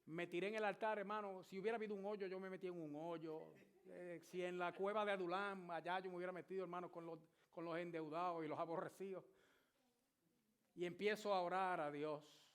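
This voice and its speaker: Preaching with vivid, emphatic storytelling, a man in his sixties raises his voice to a shout at the sermon's climaxes. He is a pastor whose high-pitched voice is smooth and fairly even in intonation, moving a little fast.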